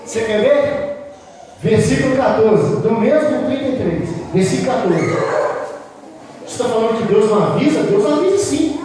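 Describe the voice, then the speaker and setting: Male preacher, high voice, fiery rhetorical sermon, miked from afar in a church hall. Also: expressive, moderate pace, crowd noise. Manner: impassioned, rhetorical questions to the congregation. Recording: echoey hall, distant mic, faint noise.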